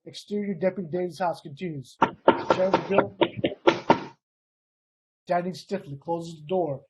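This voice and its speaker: A man's voice: high voice, a little slow, heavy background noise. A man directing an amateur table read, who reads stage directions and gives rambling, encouraging notes.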